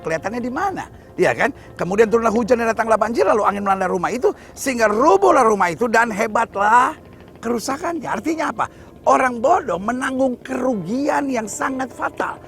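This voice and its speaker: A man with an Indonesian accent preaches in a high, lively voice with a gravelly edge, teasing his listeners with rhetorical questions. Faint music plays behind him. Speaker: pastor. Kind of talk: sermon. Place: outdoors at a rocky site.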